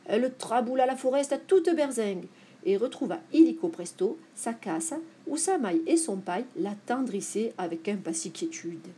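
A woman reading a playful children's picture book aloud for a library, with lively, expressive storytelling. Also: on the high side, moderate pace, slight background noise. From France.

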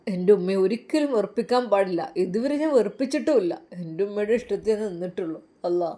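A woman's voice: mid-range voice, animated, quick pace, mellow, close to an everyday voice. A woman voicing a devoted young male religious teacher, an earnest, pleading son. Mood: tearful.

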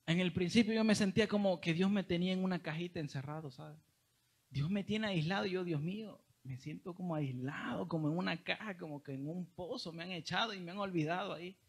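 Man, Salvadoran Spanish accent, young adult, high-pitched, animated sermon testimony. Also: breathy edge. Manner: animated storytelling, addresses listeners as brother. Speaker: preacher.

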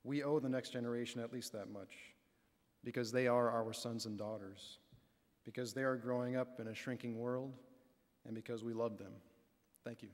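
A man's voice: mid-range voice, fairly even intonation. Earnest man reading a speech in a hall. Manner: earnest, measured delivery. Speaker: military panelist. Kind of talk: prepared speech at a podium. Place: large conference hall stage. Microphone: podium microphones. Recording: reverberant hall.

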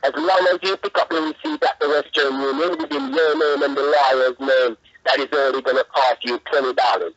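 A man working as a telemarketer, reciting a scripted pitch in a rushed, insistent, repetitive manner over the telephone. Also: steady tone, fairly bright tone. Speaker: telemarketer (scam caller). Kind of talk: scripted phone sales pitch. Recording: muffled telephone call audio.

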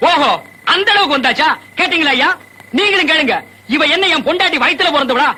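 Shrill, domineering village man. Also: fast, pushed and bright, full character voice, rough recording. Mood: angry. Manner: scolding, threatening. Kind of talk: Tamil film acting.

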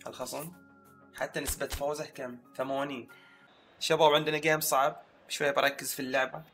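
A young man giving excitable live commentary on his own football video game match, shouting at his players. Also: on the high side, vocal fry. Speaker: gaming streamer.

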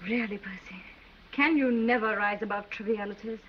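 A woman's voice: medium pitch, normal speed, lightly acted. A woman playing a proud English noblewoman, cool and reproachful toward her husband, in 1930s film acting. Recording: dull 1930s film soundtrack with faint hiss.

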